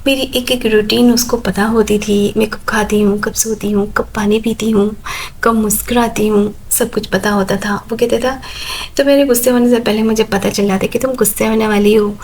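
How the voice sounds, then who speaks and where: A woman's voice: mid-range voice, steady tone, darkish tone, a little hiss or hum, poor audio. A woman narrating a first-person story in a plain, conversational way.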